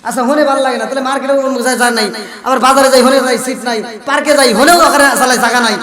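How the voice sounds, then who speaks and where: Speaking from far off in an echoey hall, a man with an extremely high, steady, bright and forceful voice preaches a waz sermon at a large, amplified religious gathering. He talks rapid-fire in a chatty storytelling way, calling out to the crowd for replies and sometimes breaking into sung verses.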